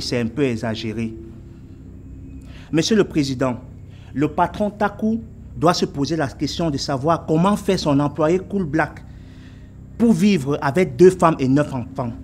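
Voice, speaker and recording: A man's voice: on the high side, moderate pace, a little mellow, a little hiss or hum. A man acting as a prosecutor in a comedy courtroom sketch, speaking formally to the judge. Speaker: actor playing a prosecutor.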